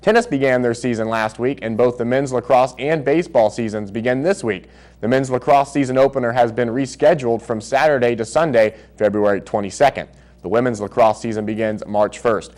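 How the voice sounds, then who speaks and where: Man, sports anchor, campus news, steady scripted read. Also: mid-range voice, a little fast.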